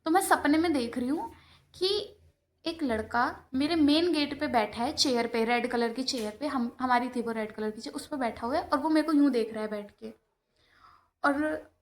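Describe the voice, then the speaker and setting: High-voiced young woman telling a ghost story. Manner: conversational, halting with restarts and fillers. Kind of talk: casual personal ghost story.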